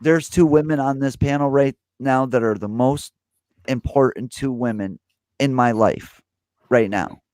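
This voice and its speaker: A man's voice: medium pitch, unhurried, a little mellow, no echo, studio quality. A man hosting a live stream, speaking earnestly in a rambling way with many restarts. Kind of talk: casual chat.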